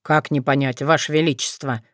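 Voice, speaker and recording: A crafty male sorcerer in a storybook reading, speaking low and smooth with calm sly cheek. A woman puts him on in a lower voice. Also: fairly quick, no echo, studio quality.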